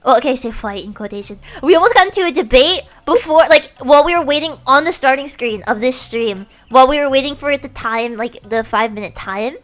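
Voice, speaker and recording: A woman's voice: high-pitched, expressive, quick pace, hardly any pauses, fairly bright tone. A young American woman streamer chatting casually and animatedly, giggling as she tells stories. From United States. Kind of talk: casual chat.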